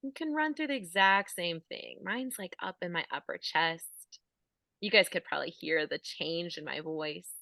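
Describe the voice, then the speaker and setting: A woman guiding listeners through a calm body-awareness visualization, speaking softly with casual fillers. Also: on the low side, normal speed, gravelly, no room sound. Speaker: physical therapist guiding an exercise. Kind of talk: guided visualization.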